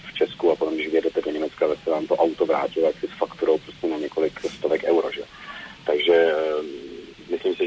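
A man's voice: a bass voice, darkish tone, slight background noise, poor audio. A man speaking as a telecom regulator in a news interview, explaining at length with many hesitations and fillers.

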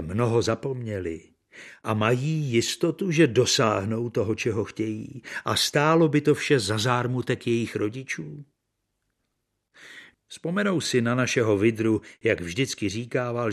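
A man reading the part of a bitter, worn-out actor, brooding and earnest, in an audiobook. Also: mid-range voice. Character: bitter, worn-out middle-aged male stage actor.

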